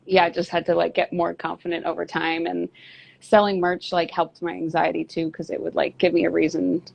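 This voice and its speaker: A woman who sings and plays bass in a band talks candidly as a guest in a casual interview, rambling with fillers and restarts. Her voice sits on the low side, fairly quick, gravelly and a little mellow, with a level tone. The audio is lo-fi and dull.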